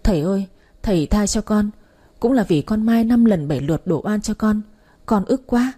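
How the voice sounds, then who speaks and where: A woman's voice: medium pitch, expressive, normal speed, dark tone, breathy edge. A woman voicing a desperate young wife who pleads tearfully, her voice rising. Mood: pleading.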